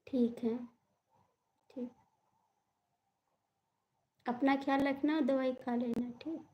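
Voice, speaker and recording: A woman's voice: high-pitched, fairly even intonation, slow, highs cut off, slight background noise. A young woman hosting a live stream, chatting casually and answering viewer comments.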